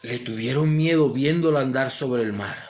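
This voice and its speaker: A man's voice: mid-range voice, normal speed, a little mellow, a little hiss or hum. A male pastor preaching a sermon, with a Colombian Spanish accent, building emphatic swells and posing questions he answers himself. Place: church.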